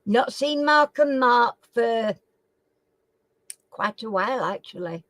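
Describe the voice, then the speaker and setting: Reading out quiz questions and repeating them, a woman hosts a casual live chat with slightly slurred, toothless speech. Her voice is fairly high, animated and fairly bright, slow in pace, on a dry recording.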